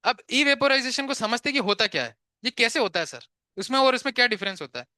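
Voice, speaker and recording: A man teaching physics to a live class, chatty and quick to tell students to stop talking and pay attention, mixing English terms into his Hindi and asking questions he answers himself. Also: extremely high pitch, animated, pushed and bright, no echo, studio quality.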